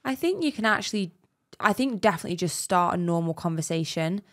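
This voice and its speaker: A woman in her thirties co-hosts a podcast in a small studio, using a studio mic on an arm and headphones. Her fairly low voice is fast with lively intonation as she chats casually, trailing off mid-thought.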